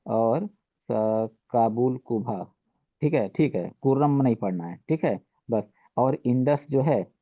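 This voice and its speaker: A man's voice: mid-range voice, dry recording. A man teaching an exam-prep lesson, asking questions and answering them himself, with "ठीक है" after nearly every point. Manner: repeats "ठीक है" constantly, asks and answers own questions. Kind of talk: exam-prep lecture in Hindi with English terms. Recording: dry, phone-like narrow sound.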